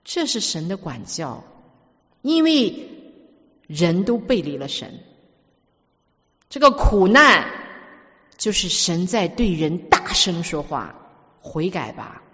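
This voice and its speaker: A woman's voice: lowish voice, sing-song, slow, pauses often, fairly bright tone, highs cut off. Female preacher, emphatic storytelling sermon delivery, recorded in a reverberant hall. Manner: emphatic, storytelling with repeated words.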